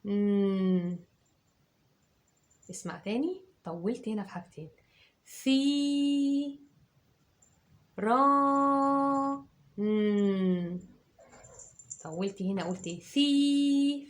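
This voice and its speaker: An Egyptian woman teacher dictating words to children, patiently breaking them into drawn-out syllables and repeating them. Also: medium pitch. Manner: slow, syllable by syllable, drawn-out sounds.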